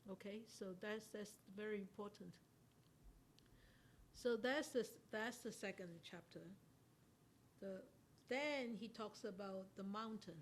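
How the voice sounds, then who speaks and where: A Buddhist nun with a medium-pitched voice gives an unhurried, interactive Dharma talk to a study class, questioning listeners and laughing often. Slight background noise is present.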